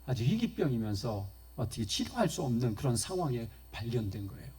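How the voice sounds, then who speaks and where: A man's voice: medium pitch, big pitch swings, a little fast, mellow, husky. A man pastor preaching a Sunday sermon at a church service, telling stories and often turning to speak straight to the congregation. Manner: storytelling, often addresses the congregation directly.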